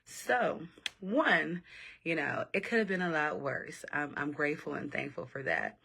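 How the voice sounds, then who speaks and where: A middle-aged woman from Los Angeles, hosting and telling a personal story in a casual, animated way, often laughing. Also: low-pitched, a little slow, gravelly, a little hiss or hum. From South Central Los Angeles. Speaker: host, personal growth coach.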